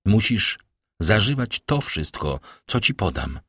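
A man's voice: on the low side, very animated, slow, a bit bright, breathy edge, no echo, clean studio sound, exaggerated voice. A man reading aloud as a grave, fatherly nobleman, speaking in a solemn, reassuring way.

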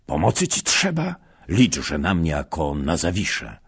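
A man voicing an impetuous adult noble soldier, with emphatic, drawn-out outcries. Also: extremely low pitch, sing-song, slightly rough, exaggerated voice. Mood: alarmed.

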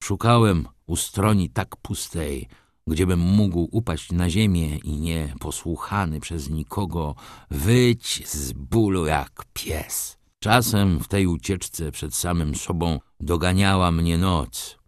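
Deep-voiced man reading a novel aloud. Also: slow pace, no echo, studio quality. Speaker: narrator. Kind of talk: audiobook reading of a classic novel.

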